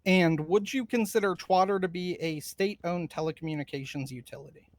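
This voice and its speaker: High-pitched man, formal lawyer questioning. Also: brisk. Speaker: lawyer examining a witness in role-play. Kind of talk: formal courtroom role-play questioning.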